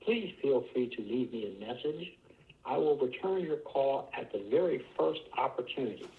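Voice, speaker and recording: A man's voice: mid-range voice, lively intonation, moderate pace. A man's recorded answering machine greeting, polite and formal, played over a phone line. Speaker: homeowner.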